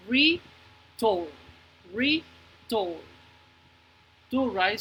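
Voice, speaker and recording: A man's voice: high-pitched, pushed and bright, a little hiss or hum, rough recording. A male teacher giving a phonics lesson to children, patiently repeating words and checking in with the class, moving between Spanish and English.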